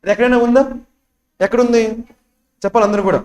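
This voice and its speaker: Fast-talking high-voiced Telugu teacher. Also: male voice, steady tone, darkish tone, muffled recording. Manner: constant quizzing questions, repeats key words. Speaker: English teacher for bank exam prep. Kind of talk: classroom lecture explaining test questions. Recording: echoey classroom sound.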